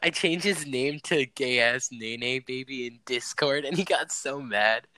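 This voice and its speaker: A man's voice: mid-range voice, measured pace, bright, forceful tone, no echo. A young man co-hosting a casual podcast, joking crudely and laughing often. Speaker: podcast co-host. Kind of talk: casual chat.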